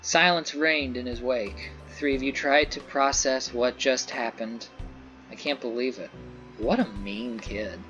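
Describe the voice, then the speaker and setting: A man's voice: mid-range voice, measured pace, a bit bright, muffled recording, faint music behind. A man playing through a visual novel, reading the narration aloud and adding casual comments on his choices. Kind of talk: story game playthrough with commentary.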